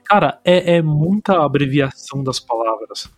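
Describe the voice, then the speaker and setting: A man's voice: fairly high pitch, lively intonation, normal speed, no room sound. A man with a Brazilian accent hosting a casual podcast chat, talking in a loose, slangy way. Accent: Brazilian Portuguese. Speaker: podcast host.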